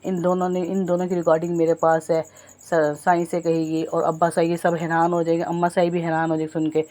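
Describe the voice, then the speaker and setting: A woman with a low voice talks her viewers through a TV drama's plot in a casual recap. Her delivery stays flat and level, and she calls her audience friends as she goes. She often stops to correct herself. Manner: retells plot at length, addresses viewers as friends, frequent self-corrections. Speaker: TV drama reviewer.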